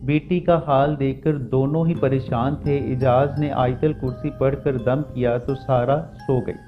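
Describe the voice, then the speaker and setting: A man's voice: medium pitch, fairly even intonation, highs cut off. Man narrating a horror story over music. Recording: music bed under voice.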